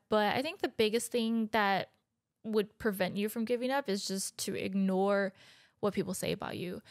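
A young woman in her twenties hosts a casual solo podcast from her living room couch, talking close into a handheld dynamic mic. Her mid-range voice is recorded dry, and she's chatty and candid, laughing now and then.

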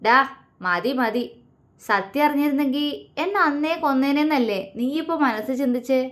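Sneering, menacing young man from a story, read by a woman, slow and taunting, voice sits a bit high. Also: fairly bright tone. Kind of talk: storybook reading.

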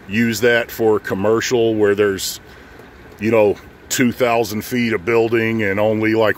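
Casual and low-voiced, a middle-aged American man speaks in an informal, plain-spoken manner for an unscripted how-to vlog. He owns a pressure washing business, hosts a channel, and records outdoors in a residential driveway on a phone held at arm's length, with light background noise in the audio.

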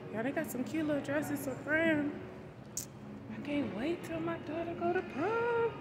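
A woman's voice: high voice, animated, crowd noise. A woman in her forties vlogging from her phone while she walks through a mall and then a parking lot, chatty and slangy. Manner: slow, chatty, slangy, talks straight to the phone while walking. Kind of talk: casual walking vlog chat. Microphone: phone held at arm's length. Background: background music, traffic and wind.

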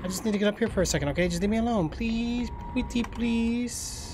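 A man's voice: high-pitched, very fast. A man doing casual live game commentary into a headset, exasperated and pleading with the game. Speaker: game streamer and dad. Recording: game ambience and noise behind.

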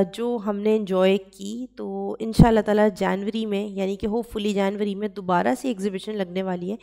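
A woman's voice: mid-range voice, creaky, a little mellow. Chatty Pakistani woman narrating a vlog. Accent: Pakistani Urdu. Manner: chatty, with frequent "uh" fillers and English words mixed in. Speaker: vlogger. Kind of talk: casual voice-over narration.

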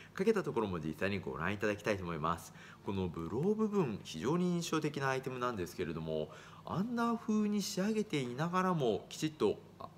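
A man in his thirties, an eyewear shop worker, giving a formal, courteous product presentation into a phone camera in a small shop. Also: a little hiss or hum. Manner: formal, courteous, lively rises in pitch. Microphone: phone camera at arm's length.

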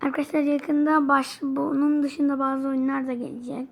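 Chatty high-voiced young Turkish gamer girl. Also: flat delivery, normal speed, vocal fry, slight background noise. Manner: chatty, easily frustrated, addresses viewers constantly. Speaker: gaming channel host. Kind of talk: mobile game commentary.

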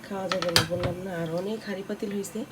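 A young woman with a hoarse voice, chatting casually to viewers as she cooks in her home kitchen. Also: medium pitch, fairly even intonation, rapid-fire. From Bangladesh. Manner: chatty, talks viewers through her cooking. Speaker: home vlogger. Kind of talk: casual cooking vlog chat. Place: home kitchen with open window. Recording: loud kitchen noise. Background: frying and sizzling in the pan.

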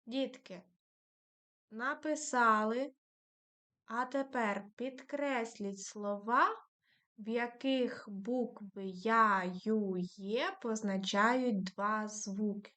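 A middle-aged woman leads a lesson for small children, her voice a touch high. She speaks slowly, dictating each phrase with patience. She praises the class often. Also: sharp tone. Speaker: primary school teacher. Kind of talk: online lesson for young children.

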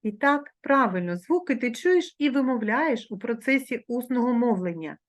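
A woman teacher with a Ukrainian accent giving a remote grammar lesson to schoolchildren, pronouncing sounds and example words slowly and carefully. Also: on the high side, lively intonation.

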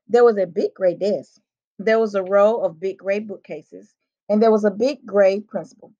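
Woman reading a children's book aloud. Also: mid-range voice. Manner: expressive storytelling, first-person narration. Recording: dull lo-fi recording.

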